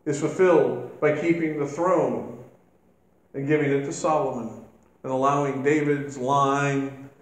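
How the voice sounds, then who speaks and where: A male minister preaches at an unhurried, measured pace. His voice rings through a very echoey church sanctuary, and it lifts with emphasis when he quotes scripture. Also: medium pitch, flat delivery. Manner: slow, deliberate preaching with emphatic rises when quoting scripture. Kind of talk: sermon.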